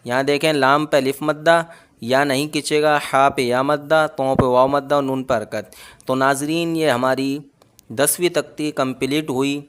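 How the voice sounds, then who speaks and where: A man leads a patient reading lesson, drawing out each sound and blending syllables slowly. His voice is smooth and clear, sitting in a middle pitch. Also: fairly even intonation, fairly bright tone. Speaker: Quran reading teacher. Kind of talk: slow letter-by-letter reading lesson.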